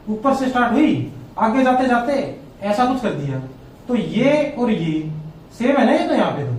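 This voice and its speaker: Heard from a distance in an echoey room, a male math teacher gives a classroom lecture in a very high-pitched, slightly mellow voice. He works through things step by step and frequently checks whether students are keeping up. Slight background noise is present.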